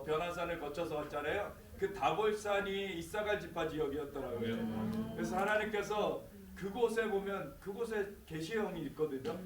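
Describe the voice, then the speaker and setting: A man leading prayer and preaching outdoors at a lookout, speaking with fervent, rising proclamation. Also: sits high. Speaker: prayer trip leader. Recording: echoey, distant, noisy outdoor video.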